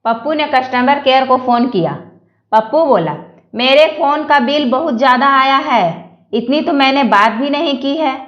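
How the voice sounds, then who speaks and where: A woman narrating a string of short jokes in an unhurried storytelling way. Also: sits high, highs cut off. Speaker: joke narrator. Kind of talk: reading Hindi jokes aloud. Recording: roomy echo.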